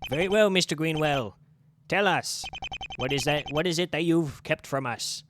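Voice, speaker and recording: A strict, impatient courtroom judge hands down clipped, formal rulings, as a man reads him for a game. The voice sits a little high. A faint hiss runs underneath. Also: normal speed, fairly bright tone, natural voice. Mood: grudging. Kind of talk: voicing game dialogue.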